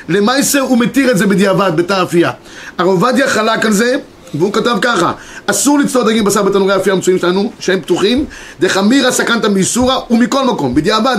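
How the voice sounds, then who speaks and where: High-voiced rabbi teaching a class. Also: male voice. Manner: explains, reads sources aloud, checks in with students. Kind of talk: Torah class lecture. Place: classroom with students.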